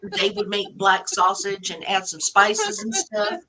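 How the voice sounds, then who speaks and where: A woman's voice: medium pitch, sing-song, unhurried, a crowd in the background, low-quality recording. A woman chatting casually, opinionated and joking, laughing often. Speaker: chat show participant. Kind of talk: casual chat.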